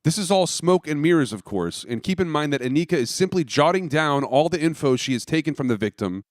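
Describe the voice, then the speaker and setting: A man's voice: fairly high pitch, lively intonation, a little fast, no room sound, clean studio sound. A man hosting and narrating an investigative documentary in a scripted style.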